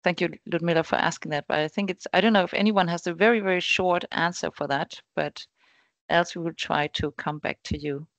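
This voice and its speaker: A woman's voice: lowish voice, fairly even intonation, brisk, gravelly, fairly bright tone, dry recording. A woman moderating an online meeting over a video call, speaking in an informal professional way.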